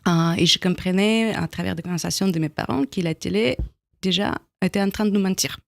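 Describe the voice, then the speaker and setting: A woman in her thirties speaks French with a Russian accent, her voice gravelly with vocal fry. She answers at a measured, halting pace, stopping often to search for words. The studio sound is dry and close. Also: lowish voice, no echo. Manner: thoughtful, halting, with many pauses and small grammar slips. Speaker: guest, documentary filmmaker. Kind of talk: radio interview. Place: radio studio.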